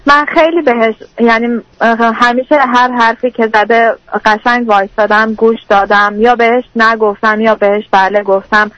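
Woman caller, hesitant halting speech, dry muffled phone-in audio. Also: on the high side, fairly even intonation, fairly bright tone, no echo. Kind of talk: radio call-in question.

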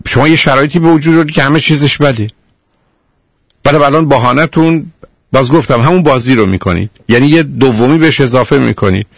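Stern, gravelly radio counselor man. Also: medium pitch, dry recording. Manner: stern, lecturing, repeats "dear" to the caller. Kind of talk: radio call-in advice.

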